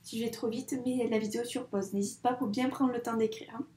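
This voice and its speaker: A woman teaching young children a dictation, patiently spelling out sounds and syllables clearly for a child. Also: a little high, steady tone, a little fast, dark tone, a little hiss or hum. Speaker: primary school teacher. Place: room with a whiteboard. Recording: echoey room.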